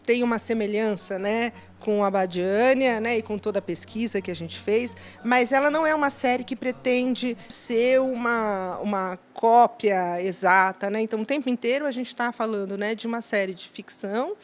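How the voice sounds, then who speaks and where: A woman's voice: on the high side, moderate pace, hardly any pauses. A woman giving production details in an interview, matter-of-fact and informative. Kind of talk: behind-the-scenes interview.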